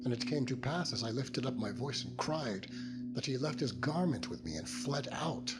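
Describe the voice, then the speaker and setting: A man's voice: medium pitch, animated, moderate pace, voice pushed up, close to an everyday voice. A man voicing a scheming spurned wife, insistent and declamatory, in a dramatized scripture reading over music. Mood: indignant accusing. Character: scheming spurned master's wife, loudly accusing and indignant. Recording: loud meditation music under voice.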